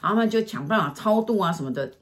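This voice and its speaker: A woman's voice: medium pitch, very fast. A woman, a fortune teller telling a client's story in casual chat, acting out scenes as she goes. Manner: animated, acts out scenes with sighs and gestures.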